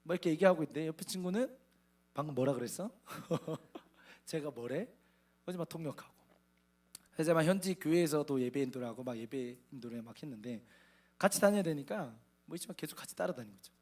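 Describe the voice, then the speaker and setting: A man's voice: fairly high pitch, lively intonation, a little fast, a little mellow. A man in his thirties preaching a sermon as a missionary, telling his story with humor and acting out the dialogue, often laughing. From Korea.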